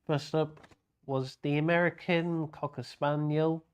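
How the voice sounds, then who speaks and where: A man working as a bingo caller, announcing each item in a deliberate, casual live-show way. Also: fairly high pitch, fairly even intonation, clean tone.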